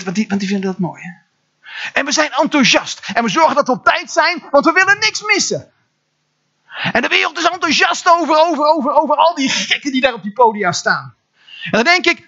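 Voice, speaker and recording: A man with a Dutch accent preaching a sermon as pastor, animated, with repeated words and sudden exclamations. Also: extremely high pitch, a little fast, highs cut off. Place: church hall.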